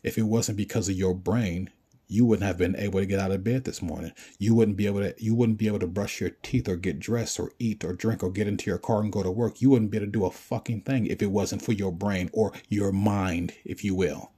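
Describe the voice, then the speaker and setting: A man's voice: fairly low pitch, steady tone, brisk, mellow, slightly rough. A man delivering a profane, confrontational rant straight at the listener and insulting them as he goes. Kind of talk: ranting monologue.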